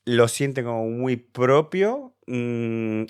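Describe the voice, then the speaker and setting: A man's voice: mid-range voice, animated, takes it slowly, clean tone, dry recording, studio quality. A man from Spain chatting enthusiastically as he reacts to a song contest entry, casual and talkative. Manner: chatty, enthusiastic, restarts and fillers. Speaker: Eurovision reaction youtuber.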